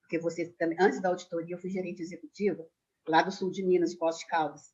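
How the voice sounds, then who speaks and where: Fast-talking woman in her sixties. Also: lowish voice, breathy edge, dull audio. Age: 60s. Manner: animated storyteller, quick and emphatic. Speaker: numerologist guest. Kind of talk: casual chat on a video call.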